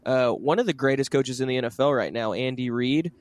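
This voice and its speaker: A man co-hosting a casual podcast, joking around and often breaking into laughter. His voice sits at a middle pitch and comes across dry and close, with no room sound. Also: a little fast, dry recording. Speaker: podcast co-host. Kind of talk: casual chat.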